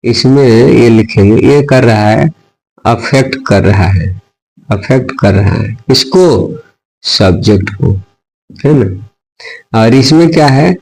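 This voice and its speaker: Male teacher, very slow, repetitive classroom delivery. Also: mid-range voice, animated, creaky, darkish tone, poor audio. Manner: slow, repetitive, asks and answers his own questions. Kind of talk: grammar lesson.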